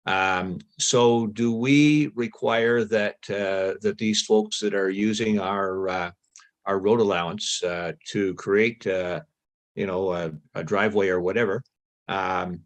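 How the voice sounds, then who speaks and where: Deep-voiced hesitant male councillor. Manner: halting, many uhs, deliberate. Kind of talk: council meeting question.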